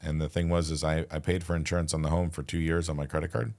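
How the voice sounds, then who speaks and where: Very deep-voiced man recounting a story. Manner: relaxed, halting retelling with restarts and quoted dialogue. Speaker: podcast guest. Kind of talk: casual storytelling.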